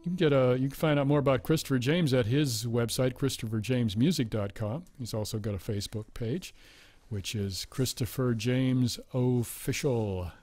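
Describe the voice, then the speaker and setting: A man hosting a live radio music show, reading credits and sponsor notes and chatting with a guest in a relaxed, laughing way. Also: mid-range voice, normal speed. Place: radio studio.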